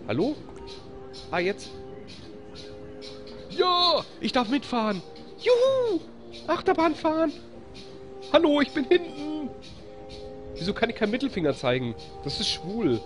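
A live-stream gamer with a German accent giving excitable let's-play commentary, cheering and laughing often and grumbling when the game gets stuck. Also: mid-range voice, normal speed, long pauses, soft background music.

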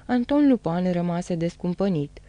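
A woman reads a novel aloud as an audiobook, telling the story in a steady, dramatic way. Her voice is low and mellow, and the recording is dry and close. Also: no echo. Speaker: narrator. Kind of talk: audiobook reading.

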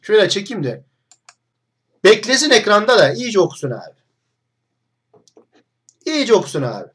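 A man's voice: high-pitched, wildly swooping pitch, normal speed, a bit bright, breathy edge. A young man hosting an online video, talking straight to the camera in a mocking, combative monologue full of rhetorical questions.

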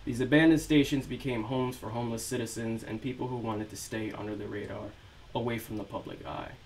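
A man's voice: medium pitch, brisk, a little hiss or hum, low-quality recording. Laid-back man reading his own fiction. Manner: relaxed, filler-heavy chat. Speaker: author reading his novel. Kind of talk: casual chat, then reading prose aloud.

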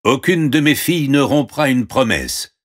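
A man's voice: medium pitch, expressive, a little slow, voice pushed up. A man voicing a stern, commanding king in a storybook reading. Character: stern middle-aged king.

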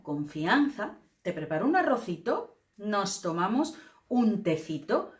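A woman from Spain with a Spain accent, teaching a Spanish grammar lesson in a clear, careful way. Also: mid-range voice, darkish tone, reverberant.

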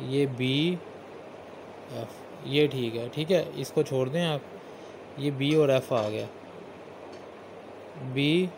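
A man's voice: fairly high pitch, darkish tone, a little hiss or hum. A man teaching shorthand strokes step by step as he writes, patiently repeating each one aloud. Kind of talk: step-by-step lesson while writing.

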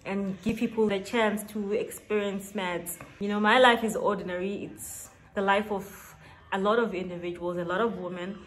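A South African YouTuber in her late twenties chats casually to camera in a get-to-know-me vlog, laughing often and stretching words for emphasis. Her mid-range voice keeps a steady tone at normal speed. The audio is poor, recorded in a small indoor room with shelves.

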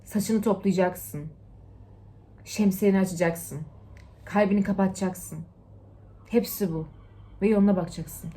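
A young woman chatting straight to her followers, giving life advice. She talks in an animated, lecturing way, jumping from loud bursts to hushed asides. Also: medium pitch, measured pace, pauses often. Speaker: TikTok vlogger. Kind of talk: casual motivational chat to camera.

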